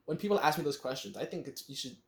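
A man's voice: fairly high pitch, lively intonation, fast talker. A young man in his late teens co-hosting a casual podcast chat, rambling with lots of fillers and restarts. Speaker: podcast co-host. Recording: roomy echo.

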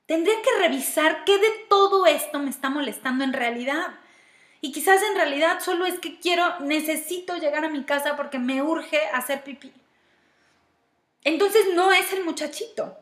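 Her voice sits high with a fairly bright tone and a normal pace. The speaker, a woman with a Mexican Spanish accent, offers personal-growth advice in a reflective talk, moving through steps and posing questions to herself, recorded with a roomy echo.

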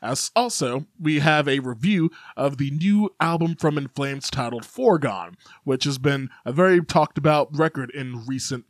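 A man's voice: on the high side, normal speed, few pauses, no room sound, clean studio sound. A young man from Chicago co-hosting a podcast in casual chat, rambling with lots of fillers and easy laughs. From Chicago, United States. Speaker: podcast co-host.

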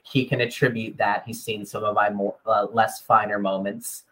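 A man's voice: fairly low pitch, level tone, normal speed, bright, forceful tone, slightly rough, low-quality recording. A man hosting a podcast, asking meandering, searching questions. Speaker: podcast host. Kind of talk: casual podcast interviewing.

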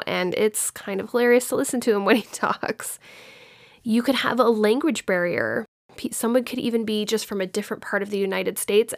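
A woman's voice: mid-range voice, creaky, no room sound, studio quality. A woman in her thirties from Texas gives an informal talk on communication, explaining with personal stories. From Dallas-Fort Worth area, Texas. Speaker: speaker on communication.

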